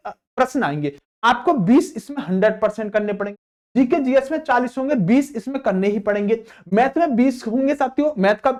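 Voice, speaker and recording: A man with an extremely high-pitched, darkish voice gives an explanatory lesson to exam candidates. He repeats points and frequently asks questions only to answer them himself.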